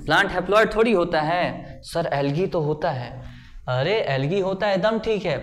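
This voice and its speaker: A man teaching a biology class in a playful way, often checking whether his students follow and voicing their questions himself before answering them. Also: a little high. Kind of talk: classroom lecture.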